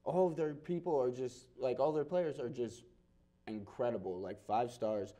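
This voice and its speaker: A young man chats about sports on a panel in a relaxed, easygoing way. His voice is mellow and slightly dark, and his speech is full of fillers. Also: mid-range voice, moderate pace. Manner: laid-back, filler-heavy. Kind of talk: casual sports chat.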